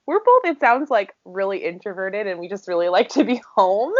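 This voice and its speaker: A woman's voice: mid-range voice, sing-song, normal speed. Giggly, enthusiastic woman podcaster. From United States. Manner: enthusiastic and giggly, with many uses of "like". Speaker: podcast co-host. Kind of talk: casual chat. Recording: slightly dull, lo-fi audio.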